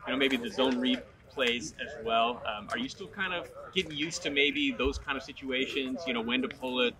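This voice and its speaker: A man's voice: medium pitch, normal speed, a crowd in the background. A man working as a sports reporter, asking casual interview questions.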